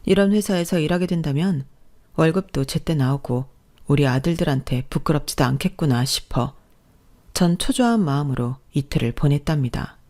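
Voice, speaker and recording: Middle-aged woman narrator, low voice, calm scripted first-person storytelling. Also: normal speed.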